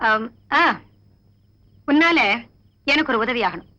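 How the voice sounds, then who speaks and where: A woman's voice: high voice, lively intonation, slow, pushed and bright, exaggerated voice. An actress playing a stern, honest woman police officer who speaks firmly and scolds, in 1990s film dialogue. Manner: firm, scolding, commanding. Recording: dull old film soundtrack.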